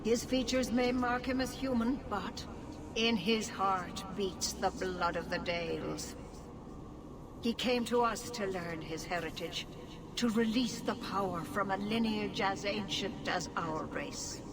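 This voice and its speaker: A woman's voice: medium pitch, unhurried, close to an everyday voice. A woman playing a solemn, proud elven clan leader in a video game, speaking in a grand, ceremonial manner. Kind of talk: video game character acting.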